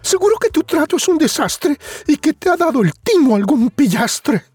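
A man voicing a furious, scolding peasant mother in a storybook, shrieking high. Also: sing-song, moderate pace, a little mellow, dry recording. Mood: nagging.

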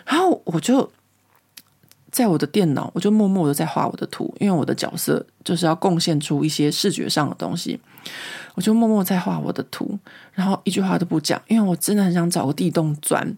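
A woman, hosting a podcast and telling a story in a casual, animated way. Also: fairly low pitch, a little fast, creaky, breathy edge. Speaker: podcast host.

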